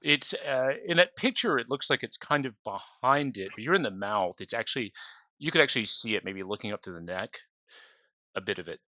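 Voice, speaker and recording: A man's voice: mid-range voice, expressive, fairly quick, pushed and bright, dry recording. A man running an online tabletop game as game master, talking loosely with many ums and uhs.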